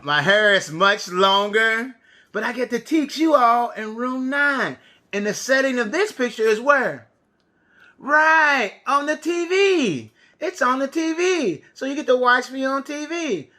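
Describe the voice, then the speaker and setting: An American man with an extremely high, lively voice speaks at a measured pace in a bright, forceful tone. A preschool and kindergarten teacher on a children's TV lesson, he tells stories and counts, talking as if reading to a toddler with simple questions and repeated phrases.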